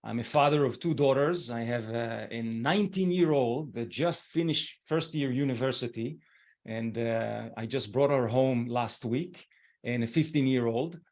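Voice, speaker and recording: A man in his forties from Israel runs an online webinar via video call, talking a little slowly at a medium pitch. He sounds gentle and encouraging, with many fillers.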